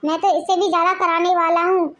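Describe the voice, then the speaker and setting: Woman doing a bossy husband bossing his wife around, super high voice, all orders and nagging. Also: level tone, brisk, a bit bright, muffled recording. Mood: stern. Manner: scolding, commanding.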